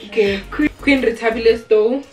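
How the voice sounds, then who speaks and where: A woman's voice: fairly high pitch, fairly quick. A young South African woman chatting casually and giggly as she runs a group game. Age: young adult. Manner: giggly, animated. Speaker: host of a family word game. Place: living room sofa, indoors. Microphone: camera a few feet away. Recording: echoey room, distant mic, music.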